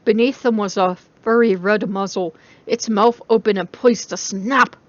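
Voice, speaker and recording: Lady reading a story out dramatically, normal pitch, kinda dull lo-fi audio. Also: fairly even intonation, normal speed, a little mellow, no echo. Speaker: narrator.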